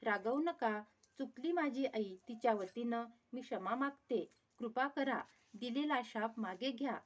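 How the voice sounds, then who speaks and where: A woman voicing a gentle young princess in a devotional storybook tale, speaking softly and imploringly. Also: a little high, animated, a little slow. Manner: soft, imploring.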